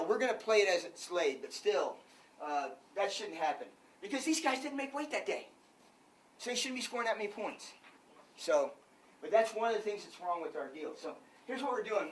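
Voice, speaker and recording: Emphatic older coach, distant mic. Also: male voice, high voice. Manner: emphatic, asks rhetorical questions. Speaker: wrestling coach. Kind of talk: coaching clinic talk.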